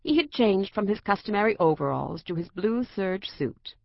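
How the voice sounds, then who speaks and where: A woman reads a children's storybook aloud with an expressive, lilting delivery. Her voice carries a gravelly texture. The recording is dry and slightly dull. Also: medium pitch, moderate pace, no echo. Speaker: narrator.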